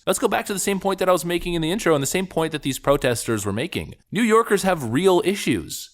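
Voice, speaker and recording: Scornful male political commentator, very animated pitch. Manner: sarcastic, scornful, emphatic. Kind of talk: opinionated political commentary to camera.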